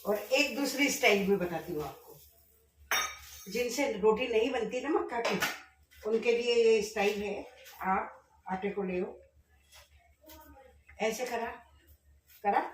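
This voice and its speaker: A woman's voice: fairly high pitch, takes it slowly, pauses often, distant mic, slight background noise. Chatty woman, echoey kitchen, off-mic. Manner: chatty, addresses viewers directly; speaking loudly on purpose. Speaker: vlogger. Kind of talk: casual cooking vlog. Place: home kitchen. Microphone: camera set up at a distance.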